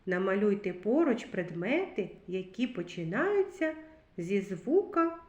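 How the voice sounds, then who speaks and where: A woman teacher giving a slow literacy lesson to young children, carefully sounding out each word. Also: mid-range voice, big pitch swings, roomy sound, dull audio. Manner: slow, clearly sounding out words. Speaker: kindergarten teacher.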